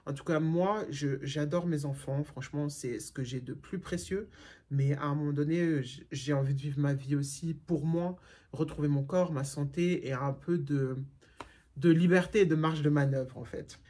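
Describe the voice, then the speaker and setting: With a low, warm voice at normal speed, a middle-aged German vlogger answers viewer questions in a casual, frank chat. She often uses fillers and restarts her sentences.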